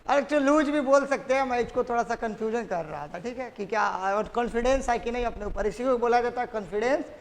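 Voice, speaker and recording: In a classroom with long reverb, a man teaches with an extremely high-pitched voice and a fast delivery. He quizzes his students over and over, making them echo the key terms.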